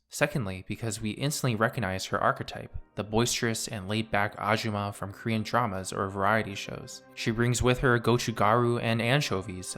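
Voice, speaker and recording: A man in his twenties narrating a scripted video essay in a measured, analytical way. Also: on the low side, fairly bright tone.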